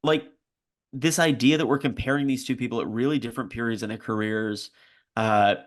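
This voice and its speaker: Male podcast co-host, mid pitch, easygoing and hedging, with bursts of emphasis. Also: fairly quick. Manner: relaxed, hedging, many restarts and "like"s, bursts of emphasis. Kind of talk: casual sports podcast chat.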